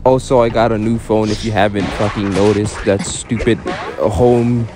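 A man's voice: lowish voice, steady tone, moderate pace, music in the background. A young man giving rambling, joking commentary over a game, stammering often and swearing casually. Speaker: gaming YouTuber.

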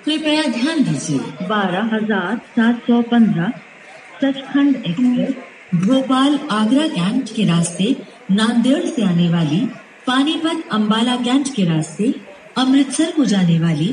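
A woman making a formal train departure announcement over the station loudspeaker intercom. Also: on the high side, big pitch swings, unhurried, reverberant, distant mic, a little hiss or hum, poor audio. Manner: formal, evenly paced delivery. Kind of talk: public address announcement.

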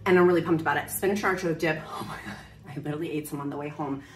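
A bubbly, upbeat vlogger in her thirties gushes her way through a grocery haul, filming on a handheld phone first in the store aisles and then at home. Her voice is low and steady in tone, and she races along.

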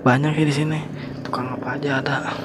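A man's voice: mid-range voice, brisk. A young man, chatting casually to viewers while riding a motorbike through town, recorded outdoors over traffic. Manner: slangy, relaxed, talks to viewers. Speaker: motovlogger. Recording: traffic and wind noise.

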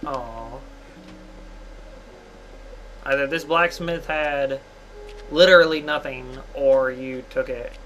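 A man's voice: mid-range voice, takes it slowly, pauses often, fairly bright tone. A man hosting a casual game playthrough, joking and often exclaiming at what happens. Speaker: host. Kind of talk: casual gameplay commentary. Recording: background music clearly audible.

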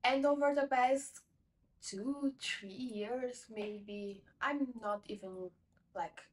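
A young native Portuguese speaker from a Portuguese-speaking country gives a relaxed, meandering book review at home, often correcting herself, with bookshelves around her. Her voice is slightly high and slow. The audio is poor, picked up by a mic set back from her along with the camera.

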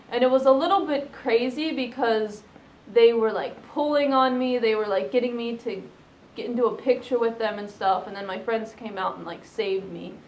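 A young woman answers questions in a casual, halting way, leaning on fillers. Her voice sits a little high. The room around her is echoey, with a faint hum of noise. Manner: hesitant, many fillers and "like". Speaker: interviewee, fursuiter.

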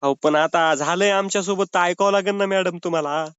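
A man's voice: sits high, a little fast, a bit bright, smooth, no room sound. A man making a comic prank phone call, pleading and whining in a mock-sobbing way. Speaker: prank caller.

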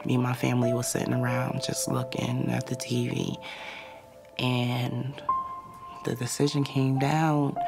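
Young woman with a gravelly voice. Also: rumbling low. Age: 20s. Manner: conversational, frequent "like" fillers, emotional recollection. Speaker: interviewee. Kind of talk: personal testimony interview. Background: soft music bed.

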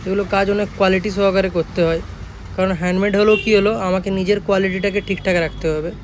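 His voice sits high and flat as he races through the commentary, a speaker workshop owner from Jhargram, West Bengal, India, vlogging casually in a West Bengal accent. He keeps repeating his points and asking for agreement with tag phrases, while a little hiss or hum runs underneath.

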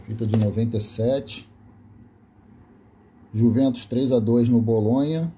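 He speaks unhurriedly, his medium-pitched voice warm, with slight background noise behind it. A Brazilian man with a Brazilian Portuguese accent, he shows his VHS tapes in a small room, reading the labels in a casual list and amending mistakes as he goes, all as off-camera commentary.

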